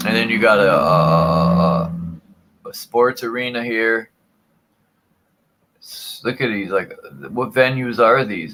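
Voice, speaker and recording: A man's voice: on the low side, fairly bright tone, a little hiss or hum. A man hosting a casual livestream chat, rambling and swearing offhandedly as he talks through what is on screen. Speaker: livestream host.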